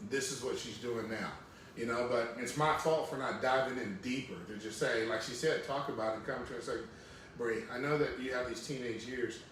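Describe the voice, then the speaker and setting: Fast-talking regretful man, echoey room. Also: medium pitch, fairly bright tone. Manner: regretful, self-critical. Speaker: father of the guest. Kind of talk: reflective conversation. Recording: echoey room, distant mic, faint hiss.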